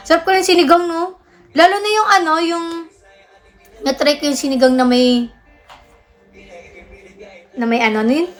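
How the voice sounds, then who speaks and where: A woman's voice: sits high, fairly bright tone. A young woman hosting a casual livestream, chatting, answering viewer comments and thanking gifters. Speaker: livestream host.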